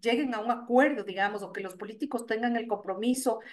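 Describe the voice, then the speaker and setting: A middle-aged woman, an organization's director, explaining her views in a radio interview, pausing and restarting often as she thinks. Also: a little high, darkish tone. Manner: thoughtful, many hesitations and restarts. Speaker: guest, NGO executive director.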